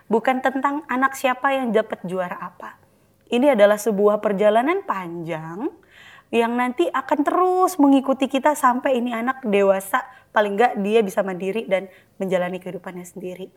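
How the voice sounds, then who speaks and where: A woman guest on a podcast who explains parenting advice at length in a lively, casual way. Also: fairly high pitch, normal speed. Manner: explains at length, lively, acts out calm soft-spoken examples.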